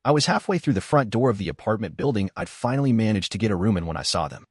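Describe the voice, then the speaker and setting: A young adult man narrating a first-person story in measured, clipped sentences. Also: on the low side, lively intonation, breathy edge, no room sound, studio quality.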